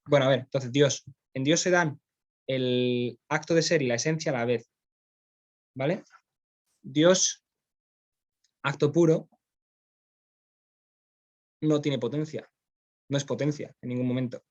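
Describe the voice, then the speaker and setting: In a muffled recording, a man with a Spanish accent from Spain gives a classroom philosophy lecture. His medium-pitched voice moves at a measured pace with long pauses. He explains things step by step and often checks in with his students.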